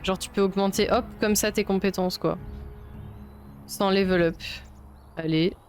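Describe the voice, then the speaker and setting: A woman's voice: medium pitch, steady tone, a little slow, soft background music. A woman with a Belgian French accent, thinking aloud in casual let's-play commentary and reading item names half to herself. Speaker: gamer.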